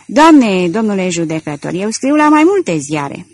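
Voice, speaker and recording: A woman reading an audiobook, voicing a calm, courteous young male student with a husky voice. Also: medium pitch, no echo. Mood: polite. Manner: calm, courteous, quietly amused. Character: bright young male student, politely cheeky and unflappable.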